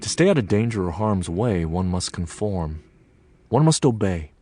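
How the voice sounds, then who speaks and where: In a dry recording, a man with a low-sitting voice performs a dramatic audio theatre monologue. He's an American actor playing an earnest, reflective Japanese American man recalling his childhood on a farm, telling it expressively and deliberately with weighted pauses.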